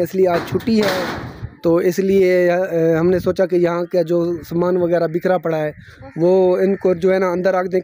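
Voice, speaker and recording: Young male vlogger, high but mellow voice, earnest and devout, outdoor phone recording. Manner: earnest, devout, many religious phrases. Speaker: family vlogger. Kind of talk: casual vlog narration. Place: outdoors at a rural building site.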